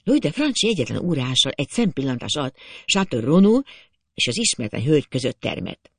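A man narrating a classic novel as an audiobook in a steady storytelling manner. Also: medium pitch, creaky, slightly rough, no room sound. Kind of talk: scripted narration.

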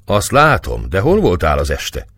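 A man's voice: low voice, huge pitch swings, fairly bright tone, no echo, heavily acted. A man voicing a hearty, teasing young lieutenant in a dry audiobook recording.

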